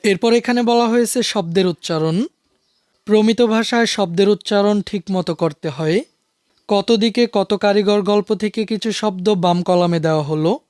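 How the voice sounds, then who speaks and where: Man teaching a lesson, high voice, smooth and clear, dry close sound. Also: moderate pace, dry recording. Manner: calm, steady explaining to students. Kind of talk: explaining a school textbook lesson.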